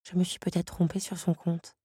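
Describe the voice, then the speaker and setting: A spirited young heroine, read by a woman narrator in a storybook, her voice husky and close in a dry, quiet booth-like sound. The narrator gives her a softer, thoughtful touch. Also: on the low side, level tone, fast talker, no room sound, natural voice. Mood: pensive.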